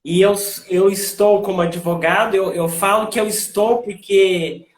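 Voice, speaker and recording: Slow, high-voiced Mineiro man in a roomy room. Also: fairly even intonation. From raised in Minas Gerais, Brazil. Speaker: lawyer and guest. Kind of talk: live online interview.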